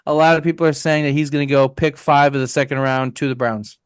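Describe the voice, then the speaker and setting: A man's voice: on the high side, steady tone, smooth, no room sound, clean studio sound. A man co-hosting a casual sports betting podcast, joking and bantering. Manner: joking, quick banter, mock auctioneer patter. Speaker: podcast co-host.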